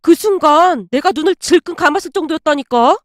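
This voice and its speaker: A woman voicing a blunt, easygoing young office coworker who talks fast. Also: high-pitched, animated, no echo, studio quality. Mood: blunt excited.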